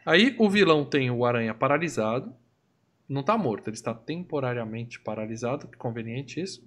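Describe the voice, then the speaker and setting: A man's voice: mid-range voice, expressive, a little fast, a bit bright. A Brazilian man hosting a casual podcast chat, retelling film scenes with joking acted quotes. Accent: Brazilian Portuguese. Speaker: podcast host. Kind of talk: casual movie review chat.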